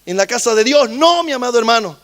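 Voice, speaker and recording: High-voiced man preaching a sermon. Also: expressive, fast talker, fairly bright tone. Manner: preaching, repeatedly addressing the congregation. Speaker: pastor.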